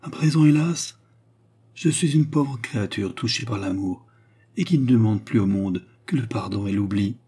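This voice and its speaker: A man reading the lines of a young woman who feigns repentant love, in an earnest, softly dramatic tone. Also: fairly low pitch, lively intonation, normal speed, husky. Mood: pleading. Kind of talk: audiobook character reading.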